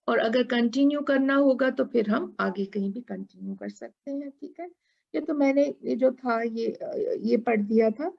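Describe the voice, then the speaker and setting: A woman teaching a tajweed lesson who explains patiently, asks her students questions and chants Quran verses in a drawn-out style. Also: fairly high pitch, vocal fry, muffled recording.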